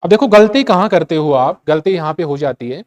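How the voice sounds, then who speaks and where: A man's voice: on the high side, expressive, brisk. A man with a Hindi accent teaching chemistry in a lecture, repeating key steps and asking rhetorical questions to check that students follow. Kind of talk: classroom lecture.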